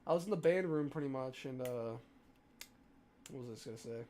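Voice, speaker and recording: A man's voice: medium pitch, brisk, warm tone. Rambling young man streaming, swears a lot. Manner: rambling, profane, self-deprecating. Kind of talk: casual rambling chat while drawing.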